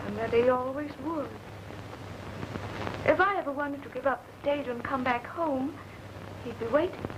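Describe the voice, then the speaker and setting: A woman's voice: high voice, moderate pace, close to an everyday voice. A woman acting in an early talkie film as a weary, proud stage actress, with a theatrical, earnest delivery. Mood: wistful. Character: weary, proud stage actress leaving her lover for marriage. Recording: noisy, hissy early sound film.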